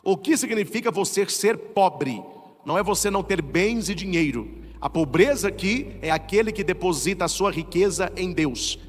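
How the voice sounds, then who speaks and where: Lively high-voiced Brazilian priest preaching. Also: male voice, moderate pace, big-room sound. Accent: Brazilian Portuguese. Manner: animated preaching with rhetorical questions. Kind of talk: sermon.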